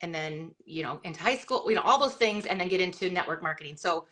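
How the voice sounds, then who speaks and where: A middle-aged woman hosts a live video chat in a loose, rambling way, stacking fillers and restarting her sentences. Her voice is bright and forceful, pitched at an ordinary height for a woman, and she talks over a video call. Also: expressive, fast. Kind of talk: casual live-stream chat.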